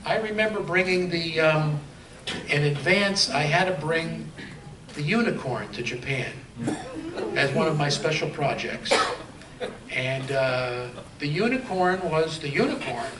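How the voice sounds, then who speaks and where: A man's voice: fairly high pitch, animated, measured pace, a crowd in the background. A man telling a circus touring story on a convention panel, chatty and laughing through his punchlines. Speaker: panelist, former circus clown. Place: convention hall. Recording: echoey hall, distant mic, background noise.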